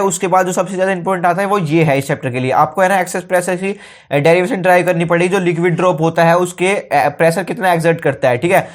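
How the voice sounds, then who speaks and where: Brisk, quick-talking man giving exam tips. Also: high voice. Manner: brisk, informal, keeps saying brother and okay. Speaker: teacher.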